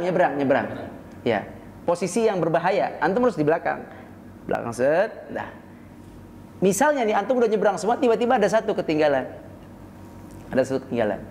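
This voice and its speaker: A man giving a casual religious lecture, animated and acting out scenes, often asking rhetorical questions. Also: slight background noise. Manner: animated, acts out scenes with sudden high-pitched shouts; uses frequent rhetorical tag questions. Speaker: Islamic preacher. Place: prayer room in an office tower. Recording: echoey prayer room with long reverb.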